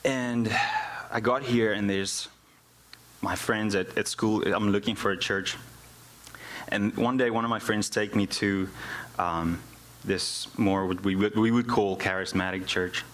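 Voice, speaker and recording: A lowish, slightly bright voice belongs to a South African worship musician and music teacher, a native Afrikaans speaker. He gives an informal personal testimony in church, repeating words often as he searches for how to say things. The recording has slight background noise.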